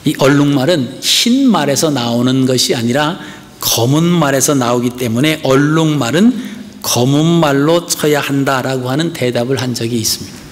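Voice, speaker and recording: A man's voice: mid-range voice, normal speed. A man preaching a sermon as pastor, earnestly asking the congregation rhetorical questions. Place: church sanctuary. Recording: long church hall reverb.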